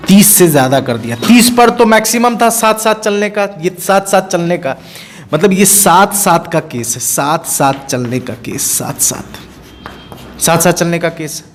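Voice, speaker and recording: A man's voice: sits high, lively intonation, normal speed, a little hiss or hum. A man teaching physics for an exam-prep class, asking questions over and over and answering them himself, mixing in English terms. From India. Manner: mixes Hindi with English terms.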